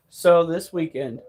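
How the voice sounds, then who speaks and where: Hosting his pet channel, a man in his thirties talks in a fairly high, slightly mellow voice. His casual, blunt monologue veers into profane rants.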